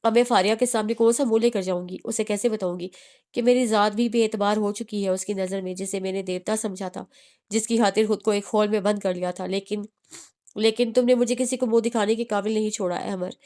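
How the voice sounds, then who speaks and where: A woman's voice: medium pitch, steady tone, mellow, close to an everyday voice. Woman voicing a frightened, pleading young wife. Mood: tearful. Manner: pleading, halting.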